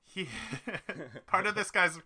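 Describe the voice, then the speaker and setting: A man's voice: sits high, animated, slow, sharp tone, breathy edge. A man co-hosting a casual podcast, recounting scenes in a rambling way full of "like" and restarts. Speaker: podcast co-host. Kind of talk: casual chat.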